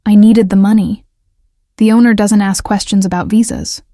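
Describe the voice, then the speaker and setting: A woman voicing a nervous young female bartender with a Midwest American accent, answering in short, steady replies. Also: medium pitch, moderate pace, no echo, clean studio sound, lightly acted. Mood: guarded. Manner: steady but guarded replies.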